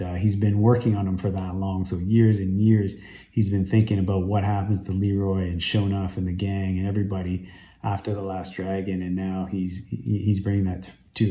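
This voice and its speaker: A Canadian man in his forties, founder of a fan site, is being interviewed and talks earnestly and enthusiastically to his phone camera held at arm's length in a small room. His voice is low and full of ums and uhs, and the phone audio sounds roomy and slightly dull.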